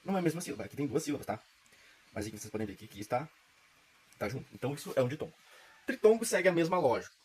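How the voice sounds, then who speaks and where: A man explains a grammar point in a relaxed, chatty way. His voice is slightly husky, and he talks quickly. He keeps checking that the listener is following along. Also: medium pitch, poor audio. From southern Brazil. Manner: informal, chatty, frequent "tá?" checks. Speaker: teacher. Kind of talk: casual grammar lesson.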